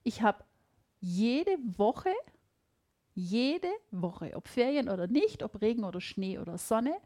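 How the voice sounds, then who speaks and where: This podcast host is a middle-aged woman speaking with a Swabian German accent in a relaxed, reflective exchange. She takes her time in a mid-range voice while sounding lively and emphatic.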